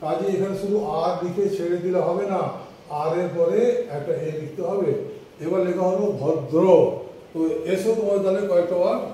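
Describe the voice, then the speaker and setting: A high-voiced man teaches a class at the board, taking it slowly and patiently and often checking that students follow. His voice is mellow, and it sounds distant in a very echoey room with a faint hiss behind it. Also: fairly even intonation. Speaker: English teacher.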